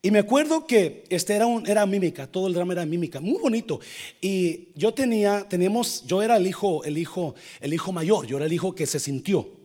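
Guy preaching a storytelling sermon, husky, swings quiet to loud, voice jumps all over. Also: high voice, a little fast. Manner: mixes English phrases into Spanish; animated, swings from quiet asides to loud exclamations.

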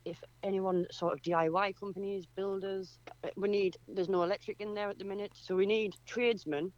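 Her medium-pitched voice is steady, a little fast, and darkish, and the recording's highs are cut off. She's a Durham-accented woman from northeast England, a community project representative earnestly explaining things as a guest in a conversational radio interview.

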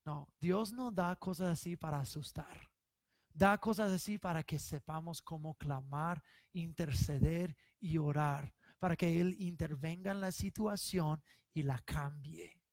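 A male pastor delivers his sermon in a high, clear voice, taking his time over each phrase. His preaching is emphatic and swells to loud stressed lines. The sound is close and dry, with hardly any room in it. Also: measured pace, no echo.

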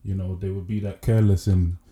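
A man's voice: low-pitched, little pitch movement, fairly quick, warm tone. A man with a south London accent chatting casually and a little hesitantly as a guest. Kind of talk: casual chat. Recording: roomy, echoey sound.

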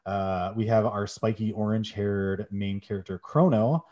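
On a muffled recording, a young male podcast co-host with a lowish, warm voice talks at a moderate pace. Full of enthusiasm, he sums up the plot of a game in casual chat, saying "um" often.

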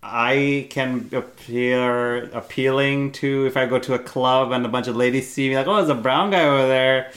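A man's voice: mid-range voice, steady tone, moderate pace, hardly any pauses, a bit bright. Laid-back, giggly man with an Indian accent. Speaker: podcast co-host. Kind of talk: casual podcast banter.

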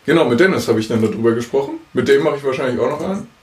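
A man's voice: mid-range voice, expressive, racing, far from the mic. Late-20s man, teasing co-host, a bit off-mic in an echoey room. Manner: joking, teasing, loose. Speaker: podcast co-host, master's student. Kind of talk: casual chat. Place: study room, indoors.

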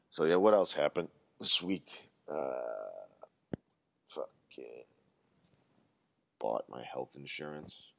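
A man's voice: a bass voice, animated, extremely slow, gravelly, pauses often. A man in his twenties rambling through a solo casual monologue, ranting and swearing freely as he talks. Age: 20s.

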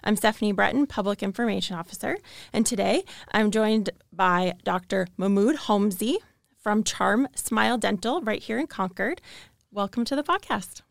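A woman's voice: medium pitch, normal speed, vocal fry, dry recording. A woman hosting a city podcast interview in a studio, polite and well-prepared. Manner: polite, scripted opening. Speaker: podcast host, public information officer.

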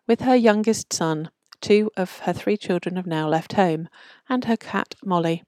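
A woman hosting a podcast, reading short fiction and author bios in a measured, deliberate way. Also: mid-range voice, darkish tone, no echo.

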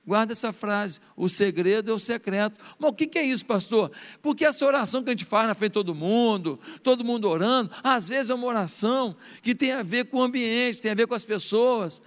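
A Brazilian pastor, a middle-aged man, preaches with a high, light voice, moving between lively appeals and hushed, acted-out prayers. His words ring out in a church hall with a long, trailing reverb. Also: fairly quick, hardly any pauses. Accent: Brazilian Portuguese. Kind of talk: sermon.

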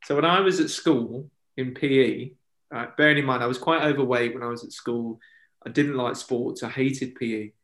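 A man's voice: mid-range voice, moderate pace, fairly bright tone. A man, co-hosting a casual podcast chat and telling jokey, self-deprecating stories. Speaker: podcast co-host. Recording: echoey room.

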